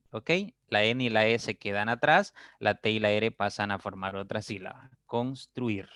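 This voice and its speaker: A man's voice: medium pitch, a bit bright, dry recording, studio quality. A male teacher giving a recorded lesson on dividing words into syllables, explaining patiently and drawing out example words syllable by syllable, with frequent check-ins to his students.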